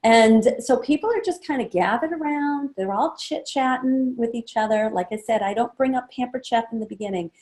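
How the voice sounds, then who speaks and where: Chatty woman trainer, slightly high voice. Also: moderate pace, few pauses. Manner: acts out guest chats in a lively higher voice; casual, chatty, many fillers. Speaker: sales trainer. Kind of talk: training talk to a small group.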